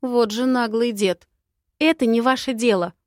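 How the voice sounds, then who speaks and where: Woman voicing a feisty, sharp-tongued young bride. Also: fairly high pitch, normal speed, no echo, clean studio sound, voice pushed up, lightly acted. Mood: indignant. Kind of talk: audiobook character voice.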